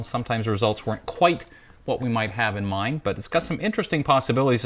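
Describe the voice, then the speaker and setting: A man presenting a software tutorial in a calm, explanatory way, with small restarts. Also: fairly low pitch. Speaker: guest presenter.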